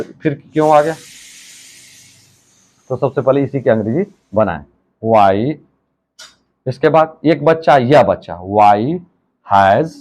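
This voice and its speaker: Man slowly dictating grammar lesson, lo-fi. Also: medium pitch. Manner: slow, drawn-out dictation of example sentences. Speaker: English teacher.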